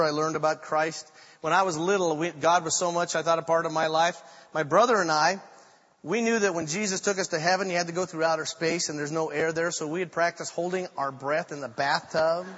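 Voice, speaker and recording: An older man delivers a sermon with dramatic storytelling, his fairly high voice rising to loud declarations and dropping to near whispers. The recording is slightly muffled. His voice rings out with a long echo through a large church sanctuary. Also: fairly even intonation, a little fast. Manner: dramatic storytelling preacher, swinging from loud to hushed. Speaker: pastor. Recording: muffled sound with long reverb in a large room.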